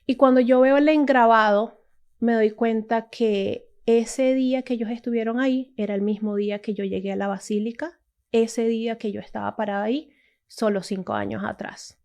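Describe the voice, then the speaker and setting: Woman from Latin America, personal testimony, emotional storytelling, slightly high voice, chatty with restarts. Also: moderate pace, darkish tone. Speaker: testimony speaker.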